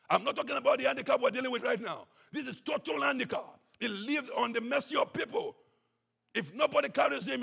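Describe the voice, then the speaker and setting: A man preaching a sermon with passion, swinging between shouts and hushed tones. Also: high voice, creaky, slightly rough. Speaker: pastor.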